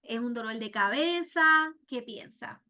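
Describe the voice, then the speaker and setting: Her voice is a little high, bright and forceful, expressive and unhurried. A middle-aged program director from Puerto Rico, she earnestly delivers a webinar to healthcare providers in Puerto Rican Spanish, peppered with fillers and "¿verdad?"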